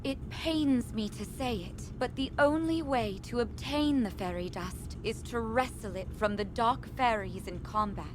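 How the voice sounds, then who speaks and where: A woman voicing a gentle, solemn magical mentor in a video game, with measured and earnest theatrical delivery. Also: a little high, noisy background, close to an everyday voice. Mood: solemn, encouraging. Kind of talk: video game quest-giver acting. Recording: game music behind.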